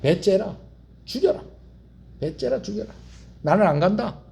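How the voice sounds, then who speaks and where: A pastor acting as a stubborn, sulky prophet. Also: male voice, high voice, big pitch swings, a little slow, creaky, dark tone, slight background noise, exaggerated voice. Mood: defiant. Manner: defiant, grumbling. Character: sulky, stubborn male prophet, middle-aged.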